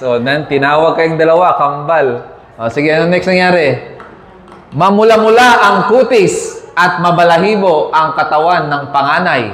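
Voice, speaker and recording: A man delivers a sermon in a loose, conversational way, teasing his listeners and calling for amens. His voice sits a little high. The sound carries a long echo from a large hall. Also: slight background noise. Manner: conversational, asks the congregation for amens and banter. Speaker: preacher. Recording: echoey hall reverb.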